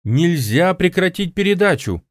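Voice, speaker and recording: A man reading an audiobook voices an insistent woman colleague, raising his voice high and speaking urgently. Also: very animated, moderate pace, a little mellow, dry recording, studio quality. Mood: pleading. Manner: urgent, pleading. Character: earnest young woman colleague, pleading and insistent.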